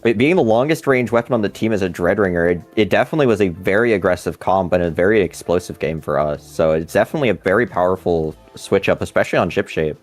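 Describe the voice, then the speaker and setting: Young guy co-casting esports, lowish voice, dry teasing takes, bit of music behind. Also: lively intonation, fast, hardly any pauses. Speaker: esports co-caster. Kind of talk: color commentary.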